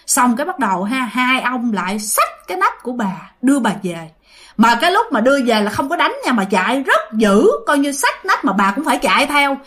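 A woman's voice: high-pitched, sing-song, brisk, a bit bright. A woman with a Southern Vietnamese accent, telling ghost stories in a chatty, casual way, repeating phrases and speaking straight to her listeners. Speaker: ghost story host. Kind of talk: casual spoken storytelling.

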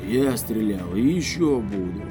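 A man voicing an unflappable hungover male guide who speaks slowly and calmly. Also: on the low side, music in the background. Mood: cool. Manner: slow, drawling and calm.

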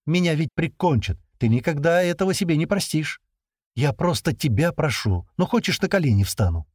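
A man's voice: medium pitch, sing-song, a little fast, a little mellow, slightly rough, no echo, clean studio sound, pitched above the performer's own voice. A man playing an exasperated, hunted middle-aged man. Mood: pleading. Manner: irritable, exasperated, raises his voice.

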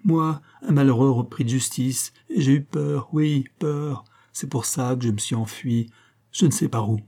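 A man's voice: medium pitch, moderate pace, dark tone, natural voice. A man voicing a desperate young ex-convict who pleads his innocence in a frantic, protesting way. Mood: pleading.

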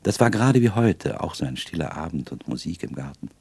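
A gentle young woman chatting happily and confidingly, as a male reader puts her on with a low voice lifted a little. Her lines swing with lively rises and falls, and the recording is close and dry. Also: brisk, vocal fry, husky, dry recording, full character voice. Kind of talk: audiobook character reading.

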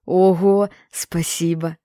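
A woman's voice: lowish voice, little pitch movement, slow pace, mellow, no echo, studio quality. A woman doing a stubborn, hurt little boy. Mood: sulky. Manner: earnest, defensive.

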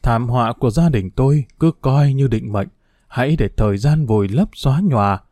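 A man voicing a grieving elderly monk and bereaved father who speaks with a slow, solemn preaching cadence. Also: medium pitch, expressive, dark tone, no room sound, natural voice. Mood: solemn forgiving.

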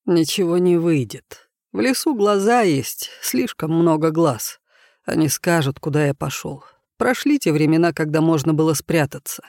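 A man's voice: a little high, normal speed, creaky, darkish tone, dry recording, studio quality. A man reading an audiobook voices an earnest, thoughtful young man who explains things carefully. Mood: shaken.

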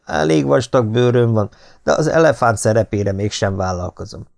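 An easygoing aristocrat read by a male narrator in an audiobook, with a mid-pitched voice and a gravelly rasp. He teases gently. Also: expressive. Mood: joking. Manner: easygoing, teasing. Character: genial, joking older male lord. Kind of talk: audiobook character reading.

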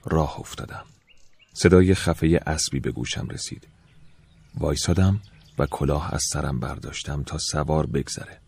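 A man narrating an audiobook in the first person, soft and reflective, with a wistful tone. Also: extremely low pitch, fairly even intonation, vocal fry, breathy edge.

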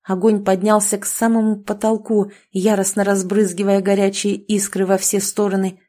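A woman narrating a story in a steady, expressive reading. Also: medium pitch, normal speed. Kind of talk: scripted audiobook narration.

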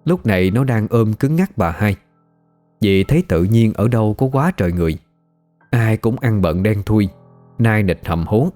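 Guy reading a ghost story, deep-ish voice, faint music under it. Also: lively intonation, normal speed, warm tone. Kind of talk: scripted ghost story narration.

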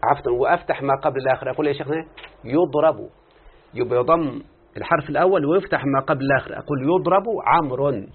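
A fast-talking man with a husky, mid-range voice and an Egyptian Arabic accent teaches Arabic morphology, heard through a tinny, phone-like lo-fi recording. In his classroom lesson he explains a text and keeps quizzing students with short questions.

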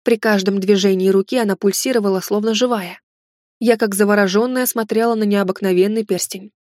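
A woman reading a first-person romance audiobook in a calm, intimate storytelling manner. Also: medium pitch, fairly quick, no echo, clean studio sound. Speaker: audiobook narrator.

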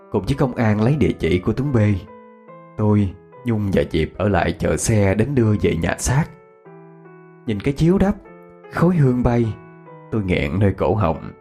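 A man narrating a ghost story in a dramatic, expressive reading. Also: fairly low pitch.

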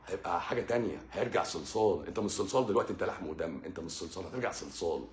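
This religious talk comes from a male channel host whose low-pitched voice carries an Egyptian Arabic accent and races along. He speaks to the listener directly in a lively way, frequently repeating himself and stammering, in a roomy recording with slight background noise.

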